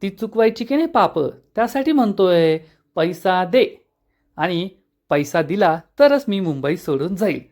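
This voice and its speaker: A man's voice: high-pitched, sing-song, a little slow, a little mellow, voice pushed up, exaggerated voice. A man voicing a cocky drunk male thug in a retold TV serial, mocking and swaggering.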